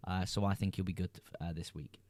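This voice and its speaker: On a casual livestream, the host, a young man from England, voices each viewer comment aloud, then replies at ease. His mellow voice sits on the lower side and moves fairly quickly, and the sound is close and dry, with no echo.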